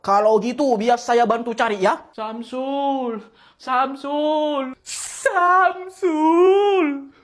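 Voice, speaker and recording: High-voiced woman doing comic sketch voices. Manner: switches between many character voices, high and low, often exclaiming. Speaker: comedy sketch performer playing many villagers.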